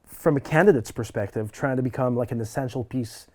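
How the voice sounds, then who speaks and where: A man hosting an interview, framing his questions haltingly and repeating words. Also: medium pitch, darkish tone. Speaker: podcast host.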